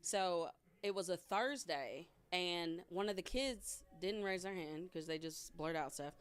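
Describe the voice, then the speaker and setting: A woman's voice: on the low side, measured pace, clear, resonant tone. A woman, a teacher co-hosting a podcast, expressively retelling classroom moments. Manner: expressive, mimics kids' voices. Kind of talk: casual chat.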